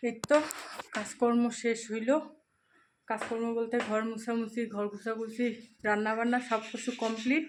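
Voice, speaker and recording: A woman's voice: fairly high pitch, flat delivery, moderate pace, noisy background. A young woman vlogging casually on her phone at home, chatting to viewers as she does housework. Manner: chatty, talks directly to viewers while doing housework. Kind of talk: casual daily-life vlog. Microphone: mobile phone.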